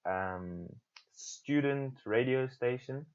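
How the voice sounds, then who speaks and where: A young man chats as a podcast guest, relaxed and rambling, stringing thoughts together with lots of "like" and "dude". His voice sits at an ordinary middle pitch for a man. The recording is dull and lo-fi. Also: slow, clear, resonant tone. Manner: laid-back and rambling, heavy on "dude" and "like". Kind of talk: casual chat. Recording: dull lo-fi sound.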